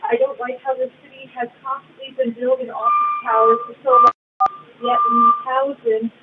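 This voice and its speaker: A woman calling in to a public hearing from an outdoor alley, her voice faint and distant because the phone is held away from her mouth. She talks haltingly, with many pauses and restarts. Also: high voice, level tone, phone-quality sound, very noisy. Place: outdoor back alley in a city.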